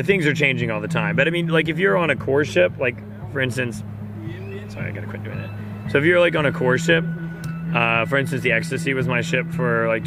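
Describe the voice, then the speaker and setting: An upbeat man hosting a casual question-and-answer session as a cruise director, talking conversationally. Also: mid-range voice. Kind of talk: casual Q&A chat, reading questions aloud. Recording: music playing behind the voice. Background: music.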